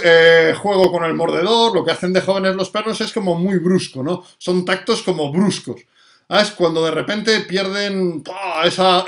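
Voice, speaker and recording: Brief: man with a high voice, a dog trainer in a loose live Q&A, always checking that people follow. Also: fairly bright tone. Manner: explanatory, often checks in with "vale" and "sabes". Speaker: dog trainer answering viewer questions. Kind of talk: live explanatory talk.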